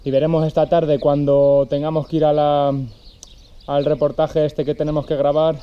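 A man's voice: fairly high pitch, flat delivery, moderate pace, smooth. A man in his thirties with a Peninsular Spanish accent, vlogging outdoors in casual chat to camera. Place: outdoors, park and hilltop picnic area. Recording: dull sound with loud outdoor noise.

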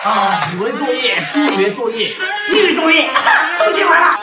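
A performer voicing an excitable, frantic student shouting in a comic cartoon skit. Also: high voice, moderate pace, heavy reverb, over loud music. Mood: frantic excitement.

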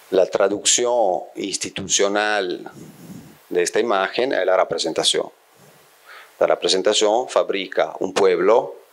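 A middle-aged Italian-born man lectures to a seated audience in a small bookshelf-lined room, holding a microphone close. His voice sits very low, and he keeps pausing to check that his listeners follow him. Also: fairly bright tone. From Italy. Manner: frequent checking questions to the audience, thinking aloud. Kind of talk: university-style lecture to a live audience. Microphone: handheld microphone.

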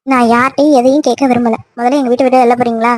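A woman voicing a hurt, angry young woman in a cartoon love story, snapping sharp, dismissive retorts. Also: on the high side, steady tone, racing, dry recording, natural voice. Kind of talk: cartoon voice acting.

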